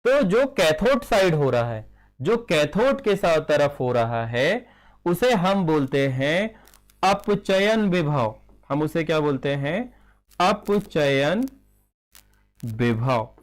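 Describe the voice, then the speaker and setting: A man's voice: on the high side, lively intonation. A man teaching a chemistry class, who asks questions and answers them himself, repeats key terms and slips in English phrases. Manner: dictates slowly while writing. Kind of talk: classroom lecture.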